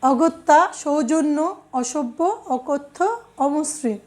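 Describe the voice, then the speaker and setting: Slow, high-voiced woman teaching a lesson. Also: mellow. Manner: slow, deliberate word-by-word reading of examples. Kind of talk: online grammar lesson.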